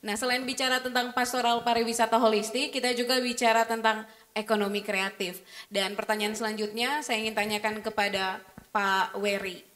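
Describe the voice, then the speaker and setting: A woman's voice: fairly high pitch, little pitch movement, normal speed, fairly bright tone. A woman moderates a panel discussion. She speaks politely and formally, introducing each guest and handing over the floor.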